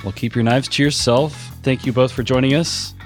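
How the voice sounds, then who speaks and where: A man hosting a podcast in casual chat, joking with a playfully deadpan delivery. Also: mid-range voice, moderate pace, faint music behind. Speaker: podcast host.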